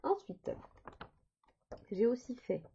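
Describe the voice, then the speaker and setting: A woman's voice: fairly high pitch, big pitch swings, slow, gravelly, warm tone, a little hiss or hum. A woman in her thirties chatting casually as a coloring vlogger, rambling with many fillers and restarts. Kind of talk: casual chat. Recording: dull lo-fi sound.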